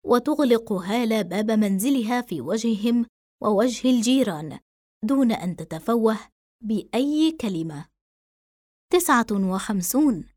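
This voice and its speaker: A woman narrating a novel in steady, measured scripted reading. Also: fairly high pitch, no echo, studio quality. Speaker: audiobook narrator.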